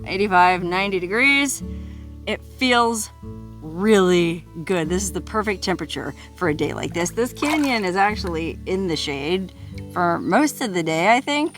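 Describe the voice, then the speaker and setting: A woman's voice: fairly low pitch, lively intonation, moderate pace, fairly bright tone, faint music behind. Jokey woman rambling on her travel vlog out in a canyon, chatty and easygoing. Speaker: travel vlogger. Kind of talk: casual vlog narration. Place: outdoors in a desert canyon.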